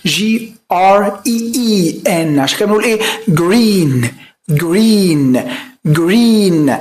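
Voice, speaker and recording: An Egyptian man teaching English online, his pitch jumping around lively as he drills each word again and again. He coaxes and teases the learner between repetitions. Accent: Egyptian Arabic. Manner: drills each word by repeating it many times; coaxing, teasing asides to the learner. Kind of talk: online language lesson.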